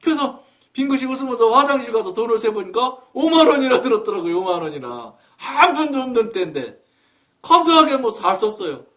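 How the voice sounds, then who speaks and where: High-voiced man telling a testimony. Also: brisk, far from the mic. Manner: animated storytelling with acted quotes. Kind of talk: testimony sermon.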